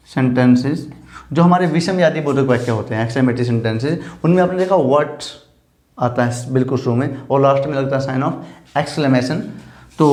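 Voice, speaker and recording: A male teacher giving a grammar lesson, explaining in Hindi, reading English example sentences slowly, and asking questions he answers himself. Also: a little high, darkish tone. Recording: echoey room.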